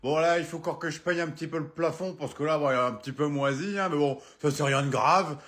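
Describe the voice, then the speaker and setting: A man's voice: on the high side, quick pace, a bit bright, lightly acted. A man playing a dodgy builder in a comedy sketch, glibly brushing off the problems with his work. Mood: breezy. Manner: breezy, glib reassurance. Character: smooth-talking, dodgy male builder. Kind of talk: sketch comedy role-play.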